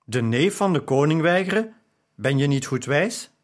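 A man's voice: fairly high pitch, lively intonation, normal speed, natural voice. A tired, resigned father in an audiobook, speaking with weary firmness and little fight left, as the male narrator voices him. His voice sits slightly above the reader's plain tone. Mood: weary firm.

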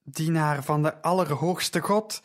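A man voicing a possessed young slave girl who shouts in a heavy, loud voice in a storybook reading. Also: sits high, slow pace, pitched above the performer's own voice. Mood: shouting. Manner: shouting, proclaiming.

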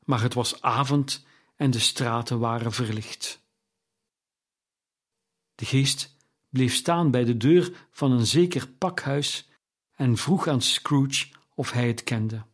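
Slow, deliberate male storyteller. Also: medium pitch. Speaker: audiobook narrator. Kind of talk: scripted storybook narration.

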